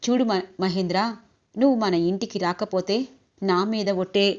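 A woman's voice: mid-range voice, normal speed, a little mellow, natural voice. Insistent middle-aged brother, read by a female narrator, lo-fi. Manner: firm, pleading, insistent. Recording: dull lo-fi recording.

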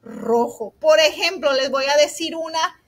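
A woman teacher giving a remote lesson to young children, slow, sweet and encouraging, asking "ok?" often and mixing in English words. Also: high voice, fairly bright tone. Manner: mixes in English words like "so" and "all right".

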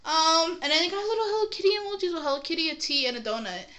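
A young woman with a very high, bright voice talks rapidly and forcefully, her pitch swinging widely. She playfully shows off a shopping haul on camera in a small room, chatting casually as she unboxes. The room is noisy, with clicks from handling items.

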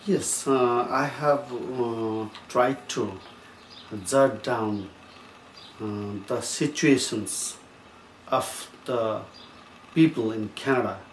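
Hesitant man from Nepal, echoey room. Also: mid-range voice. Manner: measured, with frequent hesitations and fillers. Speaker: writer. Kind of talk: interview answers. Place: plain indoor room. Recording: echoey room with faint noise.

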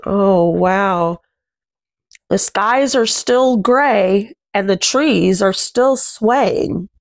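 A children's read-aloud host, a woman in her thirties at medium pitch, shares a picture book from a small furnished room in her home. She uses simple, deliberate phrasing as she comments on the story and puts questions to the kids.

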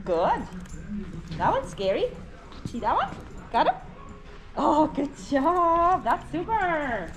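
Walking her service dog through mall stores, a woman keeps up cheery, coaxing praise and casual vlog chatter as she trains it. She speaks slowly in a high-pitched, sing-song voice with frequent pauses; an action camera mounted low on the dog records her over loud background noise from the mall.

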